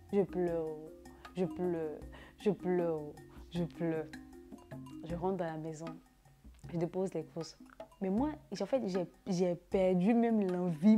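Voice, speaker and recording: A young woman tells a casual storytime, repeating words and filling gaps with "là" and "genre". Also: on the low side. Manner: animated, repetitive retelling with fillers like "là" and "genre". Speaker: vlogger. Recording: background music under the voice.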